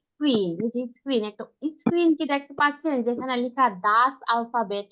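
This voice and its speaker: Female language teacher, high voice, unhurried and patient, over a lo-fi video call. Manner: patient, repeats and spells letters slowly. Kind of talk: online class instruction. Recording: dull lo-fi video call audio.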